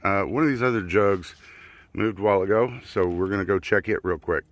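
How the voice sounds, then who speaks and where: A man's voice: low voice, fairly quick, no echo. A man in his forties hosting a casual fishing vlog from a small boat on a river, talking with lots of fillers into a handheld phone. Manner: chatty, filler-heavy, upbeat. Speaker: fishing channel host. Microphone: handheld phone camera. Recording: outdoor noise from water and boat.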